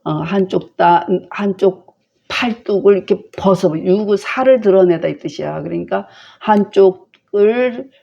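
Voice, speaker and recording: A woman lecturing on a classical text, explaining slowly and chattily with many fillers. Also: mid-range voice, gravelly, dull audio.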